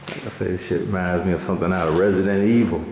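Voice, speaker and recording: Urban explorer, male, very deep voice, relaxed street-talk narration. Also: fast, roomy sound, noisy background. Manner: laid-back, streetwise, swears casually. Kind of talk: casual walk-through narration. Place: indoors in an abandoned police station.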